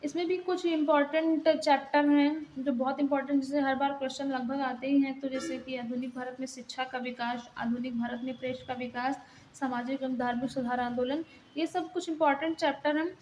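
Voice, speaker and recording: A woman's voice: sits high, flat delivery, a little fast, darkish tone, slight background noise, low-quality recording. A young woman giving a casual exam-prep lesson, explaining plainly while pointing things out in a book.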